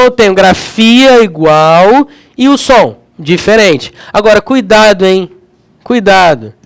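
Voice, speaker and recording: Here a Rio de Janeiro native with a high, smooth voice runs a lively grammar class in Rio de Janeiro Portuguese, chatting and frequently checking in with the students. No room sound is audible.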